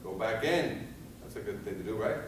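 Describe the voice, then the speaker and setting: This fire safety instructor has a lowish, expressive voice and speaks fairly quickly during a live training session for firefighters. Questions go out to the room, he supplies the answers, and he performs scenes using different voices. It was captured from a distance in an echoey space with some background noise.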